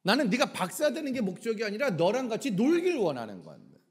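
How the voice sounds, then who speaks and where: A man voicing God as a gentle, loving, fatherly spirit in a sermon, speaking softly and tenderly. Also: high-pitched, huge pitch swings, a little fast, big-room sound. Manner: soft, tender, pleading.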